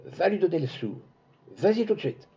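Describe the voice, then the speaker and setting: A man voicing a stubborn, fiery five-year-old girl who cries out in a shrill, high voice. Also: wildly swooping pitch, a little slow, darkish tone, husky, exaggerated voice. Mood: angry. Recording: dull lo-fi recording.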